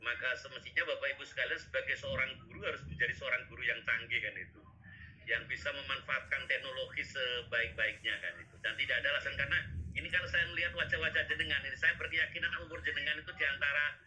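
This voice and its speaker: A man's voice: mid-range voice, fairly even intonation, fast talker, sharp tone, slight background noise, low-quality recording. A man, lecturing a teachers' workshop over a video call in a rambling way, tagging his sentences with questioning asides. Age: 50s. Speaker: workshop instructor.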